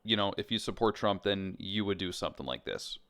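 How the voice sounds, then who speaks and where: A man co-hosting a casual podcast chat, lively and acting out quoted people as he talks. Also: deep voice, a little fast. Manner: animated, acts out quotes in put-on voices. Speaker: podcast co-host.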